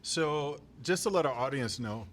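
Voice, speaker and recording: A man from Chicago hosts a podcast interview, and his delivery is easygoing and conversational. His voice sits at a middle pitch. He is recorded on location at a museum. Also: expressive, moderate pace, a bit bright. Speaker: podcast host. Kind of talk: casual interview chat. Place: museum near a university campus.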